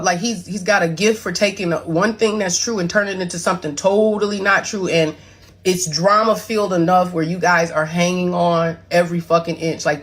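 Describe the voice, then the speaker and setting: A woman's voice: on the low side, husky. A woman close to tears in a rambling, profane confessional video monologue, apologizing and defending herself as a mother. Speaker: mother addressing her son's claims.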